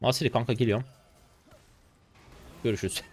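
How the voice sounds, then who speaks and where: A man in his twenties from Turkey, a streamer commentating his game live in an excitable, chatty way, talking to his viewers and teasing opponents. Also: medium pitch, brisk, dry recording, faint music behind. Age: 20s. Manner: excitable, chatty, talks to chat, bursts of laughter and teasing.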